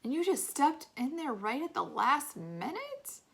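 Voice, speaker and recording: A proud father calls out praise to his daughter, loud and excited, as a woman reads him. The voice sits high and exclaims. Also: measured pace, gravelly, full character voice.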